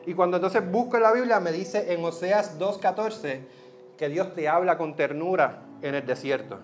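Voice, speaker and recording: Pastor guy preaching, kinda high voice, chatty and animated, some english mixed in. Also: normal speed, soft background music. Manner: animated, conversational preaching mixing in English words. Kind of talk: sermon.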